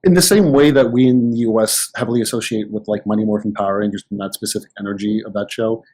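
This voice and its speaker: A man in casual podcast chat, telling anecdotes with animated restarts. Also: lowish voice, fast, husky, low-quality recording. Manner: storytelling, animated, many restarts. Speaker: podcast guest.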